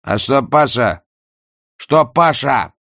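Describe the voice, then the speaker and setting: A man voicing a drunk, despairing middle-aged prosecutor who rants and shouts. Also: mid-range voice, expressive, takes it slowly, dry recording, studio quality, pitched above the performer's own voice. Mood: bitter. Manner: loud, ranting, drunken shouting.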